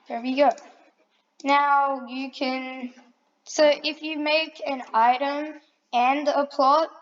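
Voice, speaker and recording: Slow-talking young-sounding woman tutorial voice. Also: sits high, lo-fi sound. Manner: relaxed, self-correcting, chatty asides. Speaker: tutorial maker. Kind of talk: casual screen-recorded tutorial.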